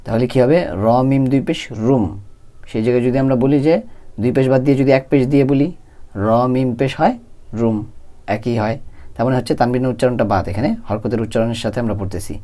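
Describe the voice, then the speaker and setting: A man teaching Quran reading. He spells out letters and vowel marks step by step, then recites the words slowly. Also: mid-range voice, steady tone, warm tone.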